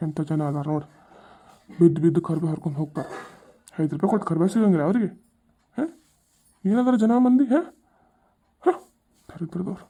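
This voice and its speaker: A woman's voice: fairly low pitch, fairly quick, pauses often, warm tone, husky. A woman voicing a grumbling village woman, muttering complaints to herself.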